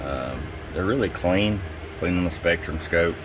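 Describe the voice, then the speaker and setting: In an unhurried, low voice, a man acting as a radio technician walks a customer through tune-up reports. The product demonstration is casual, folksy and unscripted. A steady background hum and noise can be clearly heard.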